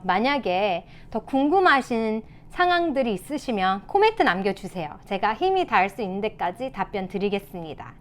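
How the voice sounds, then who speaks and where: A woman teacher giving parenting tips in a casual talk to camera, explaining patiently and acting out sample lines a parent might say. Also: a little high.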